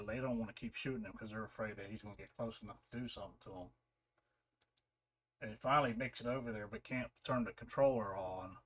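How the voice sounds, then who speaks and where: Low-voiced man rambling through a review. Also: fairly bright tone. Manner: rambling, loose retelling with many fillers and restarts. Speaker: show reviewer. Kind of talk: casual spoken review.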